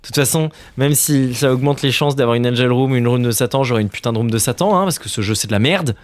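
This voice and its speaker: A man in his thirties gives casual commentary while he streams a game. He grumbles and swears at it, and sometimes drops to a near-whisper under his breath. His voice sits at an ordinary middle pitch. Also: fast, no room sound. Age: 30s. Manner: exasperated, swears a lot, drops to muttered whispers.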